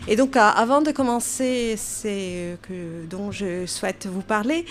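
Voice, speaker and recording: A woman's voice: mid-range voice, measured pace, a little hiss or hum. Italian-born woman speaking French, hesitant. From Italy. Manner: hesitant, many fillers, asks the audience. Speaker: oceanographer speaker. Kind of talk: public science talk. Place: café event room.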